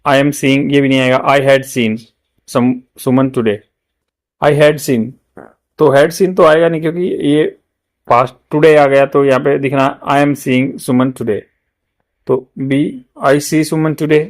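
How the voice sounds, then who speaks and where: A man with an Indian accent teaching English grammar for exam prep, repeating words slowly to drill pronunciation. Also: medium pitch, fairly even intonation.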